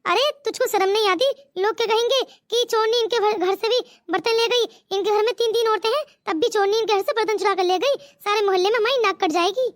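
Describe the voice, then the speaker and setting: Cartoon mother-in-law, strict and nagging, played by a woman, very high voice, dry. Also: fast talker, hardly any pauses, no echo. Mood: indignant. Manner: nagging, stern.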